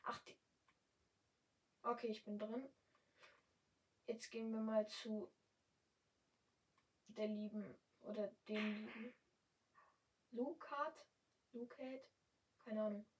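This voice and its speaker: A young woman speaking standard German, chatting casually and excitably while commentating her gameplay. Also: medium pitch, takes it slowly, pauses often, far from the mic, a little hiss or hum, low-quality recording. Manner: chatty, excitable, yelps and exclaims often. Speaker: gamer streamer.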